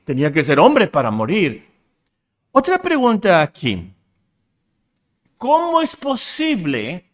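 A man preaching a sermon, explaining words with questions to his congregation. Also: high voice.

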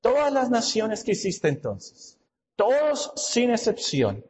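A man's voice: very high-pitched, huge pitch swings, a little slow, darkish tone, in a large hall, rough recording. A man preaching a sermon in a teacherly, emphatic way, asking questions and answering them himself.

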